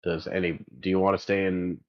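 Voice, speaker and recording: Male game master, notably deep, halting and casual tabletop narration. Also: flat delivery, highs cut off. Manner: halting, thinking aloud.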